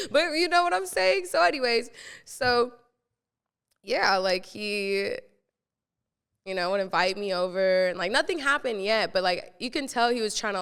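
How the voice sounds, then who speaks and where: Recorded in what sounds like a large hall, a young podcast host from the San Francisco Bay Area recounts her own life in casual, slangy storytelling with many fillers. Her voice is medium-pitched, a bit bright and clean.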